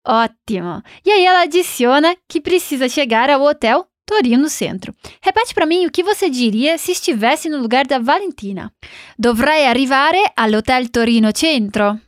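A woman with a high voice teaching a recorded language lesson. She encourages the learner and slows down to model each sound for repetition. The recording is close and dry. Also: expressive, no room sound. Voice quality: encouraging, models pronunciation slowly.

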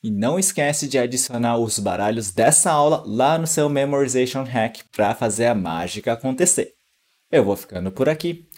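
A man's voice: medium pitch, normal speed, darkish tone. A man teaching Japanese pronunciation in an online lesson, patiently repeating each word for practice.

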